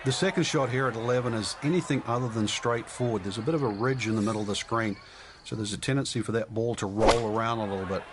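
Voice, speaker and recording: A man voicing a thoughtful golf commentator who gives measured, explanatory analysis in a video game. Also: lowish voice, noisy background, close to an everyday voice. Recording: loud game music and crowd behind. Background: loud music and crowd.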